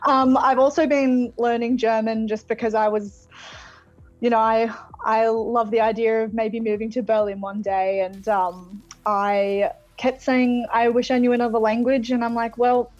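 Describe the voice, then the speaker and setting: A woman's voice: fairly high pitch, little pitch movement, unhurried, a little mellow. A woman with an Australian accent chatting casually and reflectively as a singer being interviewed over a video call. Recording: phone-like thin sound of video call.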